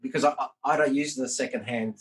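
A man's voice: medium pitch, steady tone, quick pace, poor audio. A man hosting a casual podcast conversation, talking in a rambling way with many fillers. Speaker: podcast host.

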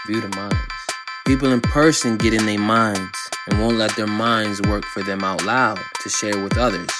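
A young man talking in a slow, reflective, slangy way. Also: on the low side. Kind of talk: casual musing chat. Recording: loud music behind.

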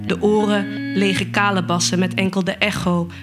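A woman reciting spoken word poetry in a slow, measured way. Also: medium pitch, little pitch movement, over music.

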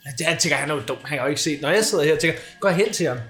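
A man hosting a podcast, telling a crude, animated anecdote in casual comic style. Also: fairly high pitch, reverberant. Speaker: podcast host. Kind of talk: casual comedic storytelling.

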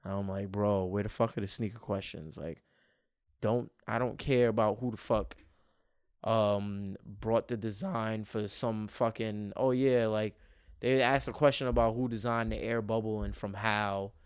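A man hosting a podcast, telling a story as a profane, animated rant full of acted-out reactions. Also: fairly low pitch, measured pace, clean tone, no room sound, studio quality. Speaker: podcast host.

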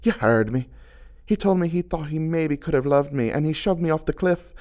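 A man's voice: a little high, moderate pace, a little mellow, voice pushed up, natural voice. A man voicing a furious, betrayed female sea creature who shrieks insults. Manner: shrieking, raging, spitting insults.

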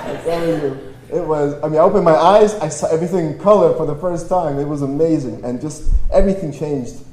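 With a warm, fairly high male voice and a fairly quick pace, a Polish-born Toronto priest whose first language is Polish jokes his way through an informal testimony for young adults. He's conversational, slangy and pokes fun at himself. His stage mic runs through a PA in a big, echoey gathering space with faint background noise.

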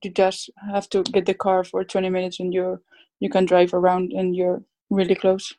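A Basque woman from Spain speaks English with a Basque Spanish accent, answering casually as a professional footballer in an interview. Her voice is on the low side and warm, with a completely flat delivery at a moderate pace.

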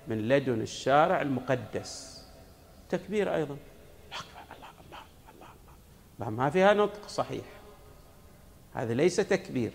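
A man's voice: fairly high pitch, gravelly, a little hiss or hum. A man giving a sermon in a mosque. He teaches step by step, asks questions and answers them himself, and demonstrates recitations aloud. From Saudi Arabia. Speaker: cleric giving a religious lecture.

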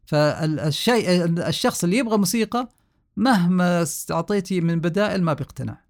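A sound engineer talking in a casual podcast interview, his voice a bit higher than most men's and gravelly. He explains patiently, hesitates often and starts words over. The talk is relaxed and conversational. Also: a little fast. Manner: hesitant, many restarts, explanatory.

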